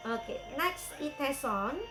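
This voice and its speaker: A woman's voice: high voice, animated, slow pace. A woman chatting casually as a drama review vlogger, talking about herself by name and dropping in English phrases. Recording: roomy with soft background music.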